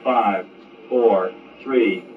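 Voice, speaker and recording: A man calmly calling a launch countdown and liftoff, heard as a muffled radio transmission. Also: lowish voice, heavy background noise. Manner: calm, measured countdown delivery. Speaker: launch control announcer. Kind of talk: archival launch countdown commentary. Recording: muffled distant archival radio broadcast with loud music.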